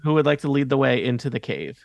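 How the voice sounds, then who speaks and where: A man running a tabletop game as game master, narrating scenes to players in halting, hesitant phrases with a creaky voice. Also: medium pitch, animated, no echo.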